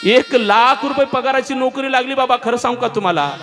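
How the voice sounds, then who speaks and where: A man's voice: very high voice, brisk, voice pushed up. A man voicing a tearful young man who earnestly thanks his father, repeating himself as he pleads.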